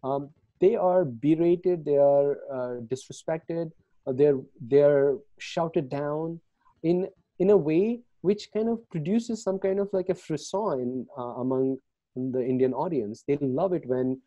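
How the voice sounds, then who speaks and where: Very mellow man with a Kashmiri accent. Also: a little high, no room sound. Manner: measured, hesitant, thoughtful delivery with frequent pauses. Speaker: webinar panelist. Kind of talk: panel discussion on video call. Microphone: wired earphone headset on video call. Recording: muffled video-call audio.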